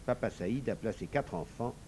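A man narrating a children's story aloud in a hushed, lowered tone. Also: lively intonation, a little fast, husky.

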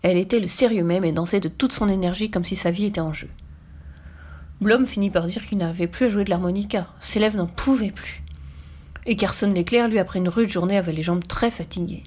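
A woman reading a children's story aloud with lively, expressive storytelling. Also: medium pitch, brisk.

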